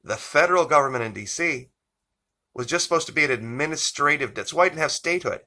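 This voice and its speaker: A man hosting a political commentary channel, talking slowly and emphatically as he introduces a clip. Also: on the high side, lively intonation, bright, forceful tone. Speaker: channel host.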